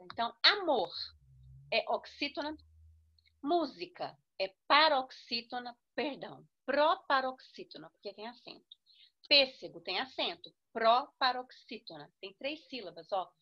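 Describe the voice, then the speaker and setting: Brazilian woman teacher, bright highish voice, going over stressed syllables, kinda muffled lo-fi audio. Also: expressive, moderate pace. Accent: Brazilian Portuguese. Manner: instructive, with frequent check-ins and spelled-out syllables. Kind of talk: Portuguese grammar lesson.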